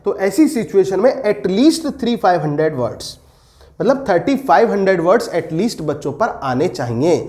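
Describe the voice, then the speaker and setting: A man teaching English pedagogy for teacher exams, posing questions to his students and slowing down to dictate definitions. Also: high voice, big pitch swings, darkish tone. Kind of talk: exam-prep lecture.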